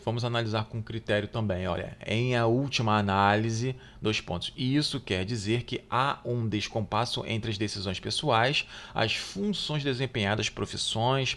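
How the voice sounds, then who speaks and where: A man teaching an exam-prep grammar lesson, reading each question slowly and louder, then answering in a quick, low aside and checking in with "tá?" and "né, gente?". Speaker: Portuguese exam tutor.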